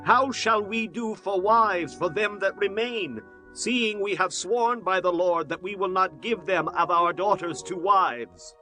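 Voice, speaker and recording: A man's voice: sits high, measured pace, pushed and bright, faint music behind. A man playing a solemn leader of the ancient Israelite congregation in a dramatized Bible audiobook, declaiming weightily. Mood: grieved. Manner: declamatory, weighty, archaic biblical phrasing. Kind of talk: dramatized scripture reading.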